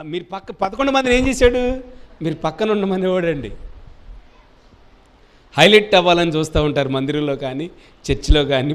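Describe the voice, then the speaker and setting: High-voiced man preaching a sermon. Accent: Telugu. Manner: call-and-response preaching, rising to loud cries. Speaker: pastor.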